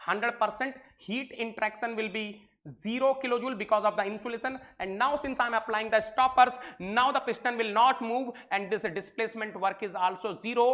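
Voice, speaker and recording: A man's voice: sits high, fairly bright tone. An Indian man with an Indian accent giving a live online engineering lecture, mixing Hindi and English, repeating points and quizzing his students affectionately.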